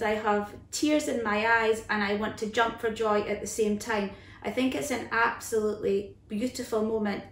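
A woman speaks earnestly to camera, delivering a motivational assembly message for a school. Her phrasing is deliberate, with repetition for emphasis. She sounds distant from the microphone in a reverberant living room. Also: mid-range voice. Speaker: school staff member giving assembly talk. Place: small living room, indoors on a sofa. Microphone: camera a few feet away. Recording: roomy, echoey, distant microphone.

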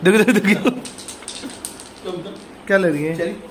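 A young Indian man filming his pets at home, giving excited casual commentary and coaxing the animals. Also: high voice, unhurried, very noisy. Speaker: pet vlogger.

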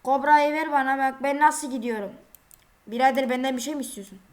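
High-voiced chatty woman playing a game. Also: fairly even intonation, a little fast. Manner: chatty, exclaiming at the game, scolding other drivers. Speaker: gaming video creator. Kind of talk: casual gameplay commentary.

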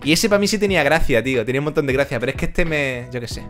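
Fast, chatty streamer man. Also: medium pitch, animated, fairly bright tone, soft background music. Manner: casual, chatty, frequent "tío" and "¿sabes?". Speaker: streamer reacting to a video. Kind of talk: live-stream reaction commentary.

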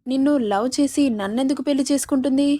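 A woman's voice: high-pitched, quick pace, dark tone, close to an everyday voice. A woman voicing a puzzled young groom in a storybook reading, pressing others with questions. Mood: questioning.

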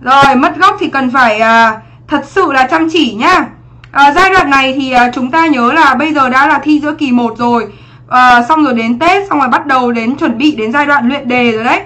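A woman's voice: high voice, normal speed, sharp tone. A young woman teaching English on a livestream exam review, chatty and checking in with her students often.

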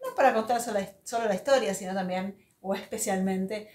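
A woman's voice: medium pitch, brisk, a little mellow. A woman hosting a podcast, chatting earnestly and telling a story from her home. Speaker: podcast host. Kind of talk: casual podcast chat. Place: room at home. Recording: echoey room at home.

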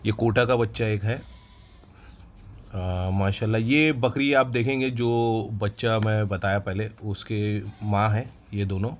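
A man who owns a goat farm walks viewers through his new stock in an unhurried, casual way with many hesitations, recorded on a handheld phone outdoors in the farm yard. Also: on the low side, slight background noise. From India. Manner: relaxed, unhurried, with frequent hesitations. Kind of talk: casual promotional farm tour.

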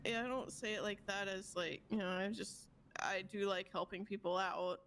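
A woman with a mid-pitched, gravelly voice full of fry, talking casually and rambling a little while she role-plays in an online game. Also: fairly even intonation, normal speed, fairly bright tone. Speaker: role-play player. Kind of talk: in-character game role-play chat.

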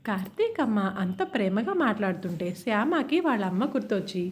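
A woman narrating a romantic family story in an expressive storytelling manner. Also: mid-range voice, fairly quick.

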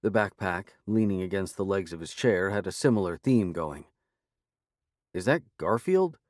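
A man's voice: low voice, moderate pace, darkish tone, no room sound. A man narrating a fantasy audiobook in the first person, in a dry, wry storytelling manner.

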